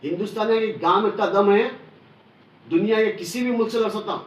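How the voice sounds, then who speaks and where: A high-voiced man hammers out an angry political rant, forceful and repetitive. He sits back from the mic, and his voice rings around a hard, echoey room. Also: fairly quick, distant mic. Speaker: online news commentator.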